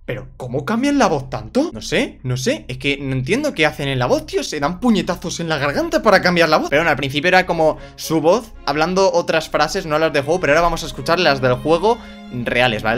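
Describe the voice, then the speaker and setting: Excitable Spanish-accented man. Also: fairly high pitch, fast talker, soft background music. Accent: Spain Spanish. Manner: excitable, chatty. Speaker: YouTube host. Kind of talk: casual reaction commentary.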